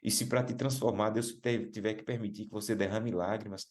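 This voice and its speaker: A Brazilian man preaching a sermon, emphatic, repeating key words and calling listeners brothers, slowing to stress lines. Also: steady tone. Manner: emphatic, rises in pitch and slows down for stressed phrases.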